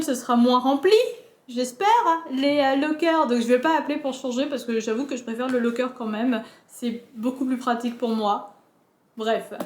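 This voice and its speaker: High-voiced woman chatting casually. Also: reverberant. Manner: chatty, many fillers and self-corrections. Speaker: book vlogger. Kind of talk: casual unboxing chat.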